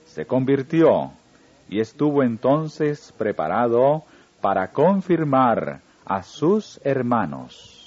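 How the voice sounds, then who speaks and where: A man reading a religious story aloud in a slow, solemn narrating manner. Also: mid-range voice, big pitch swings, a little mellow, slightly rough. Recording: dull lo-fi recording with faint music.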